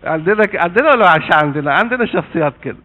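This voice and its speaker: A man's voice: high-pitched, expressive, very fast, pushed and bright. A man with an Egyptian Arabic accent preaching an interactive sermon, quizzing his congregation with half-finished questions and dropping joking asides. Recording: tinny phone-like sound.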